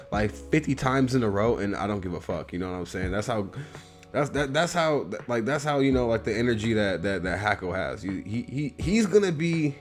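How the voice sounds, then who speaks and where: A man from the US Midwest with a Midwestern accent, hosting his own show and giving a loose, rambling, profane album review. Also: fairly low pitch. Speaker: host.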